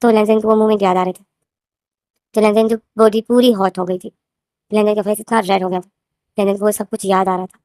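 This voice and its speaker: Her mid-range voice is mellow and level in tone, fairly quick but broken by long pauses. A fanfiction author with a sore throat, she casually retells her own story to viewers she calls "guys," rambling and repeating names and phrases. The recording is dry and studio quality.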